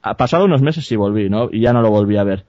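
Un hombre con acento de España que cuenta una anécdota en tono de charla informal, divagando, corrigiéndose a sí mismo y soltando tacos. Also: male voice, fairly low pitch, animated, quick pace, a little mellow, no echo. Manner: rambling, self-correcting, jokey and crude. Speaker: podcast host telling an anecdote. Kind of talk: casual storytelling chat. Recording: dull, dry lo-fi podcast audio.

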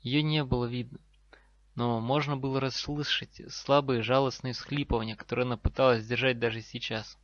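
A man narrating a novel in a measured, even reading voice. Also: mid-range voice. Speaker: audiobook narrator. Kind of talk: scripted narration. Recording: dry, slightly dull recording.

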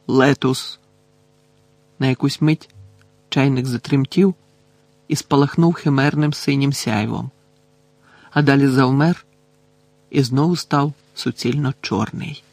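A man's voice: medium pitch, darkish tone, no echo. Man narrating an audiobook, dry sound.

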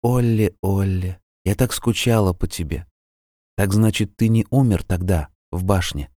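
A man voicing a wounded, frightened young woman who speaks in a hushed, pleading way, in an audiobook. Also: deep voice, a little slow, no echo, clean studio sound. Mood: dreamy.

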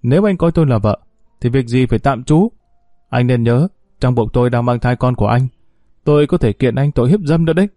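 A man's voice: medium pitch, brisk, dry recording, studio quality, lightly acted. A man voicing a scheming, pregnant young woman who pleads and whines in an audiobook story. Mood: demanding. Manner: whiny, pleading, sharp when crossed. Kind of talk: audiobook character voice.

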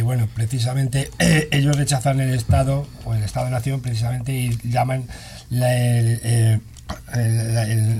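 Gravelly man explaining on a radio panel. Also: medium pitch, mellow, slight background noise. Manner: explanatory, repeats words while searching for them. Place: radio studio.

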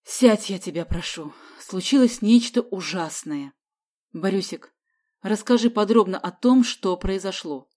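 A woman voicing a panicky, fussy middle-aged man who wails loudly and shrilly. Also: a little slow, close to an everyday voice. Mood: despairing. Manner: shrill, loud, wailing.

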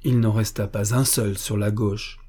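Brief: male narrator, mellow tone, measured novel reading. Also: on the low side, breathy edge. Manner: measured, even storytelling. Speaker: audiobook narrator. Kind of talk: scripted narration.

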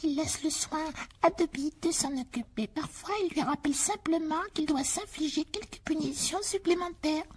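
A woman voicing a tiny, servile male house-elf with a small shrill voice, pleading and overly deferential. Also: moderate pace, hardly any pauses, natural voice. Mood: anxious. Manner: pleading, overly deferential, speaks of himself in third person. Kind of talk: audiobook dramatization.

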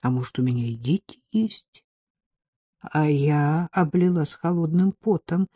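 Warm, husky woman narrating an audiobook. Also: low voice, unhurried, no room sound. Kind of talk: first-person audiobook narration.

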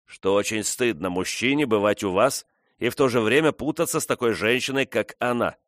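A man reading the part of a blunt, gruff old frontiersman in an audiobook. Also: mid-range voice, fairly quick, a bit bright, dry recording, clean studio sound, voice pushed up, lightly acted. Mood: scornful.

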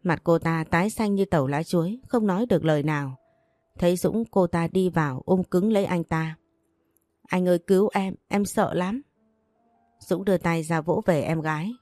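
Low, mellow woman storyteller. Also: a little fast, no echo, studio quality, faint music behind. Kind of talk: scripted narration.

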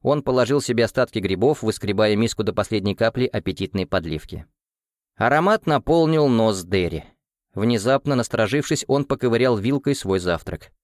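A man reading a story aloud as narrator in a steady, measured way. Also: fairly low pitch, no room sound, studio quality. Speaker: audiobook narrator. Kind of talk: scripted narration.

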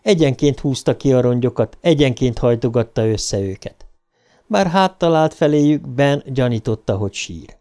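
A man narrating an audiobook in a measured, even storytelling manner. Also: medium pitch.

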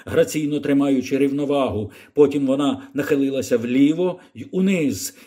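Mellow-voiced male audiobook narrator. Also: fairly high pitch. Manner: measured, expressive reading. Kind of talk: scripted narration.

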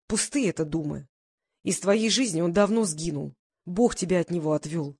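A woman's voice: on the low side, normal speed, darkish tone, husky, dry recording, clean studio sound. A woman voicing an anxious, stern older mother who scolds her grown daughter in an audiobook. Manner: pleading, then stern and scolding.

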